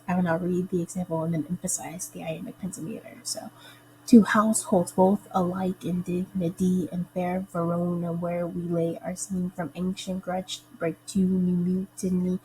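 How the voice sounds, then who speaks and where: A young woman presents a lesson in a mellow, warm voice, slowing down to sound out the stresses of words. She talks with careful, deliberate explanation, like a student giving a class presentation. A faint ambient hum sits under the recording. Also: mid-range voice, creaky, low-quality recording.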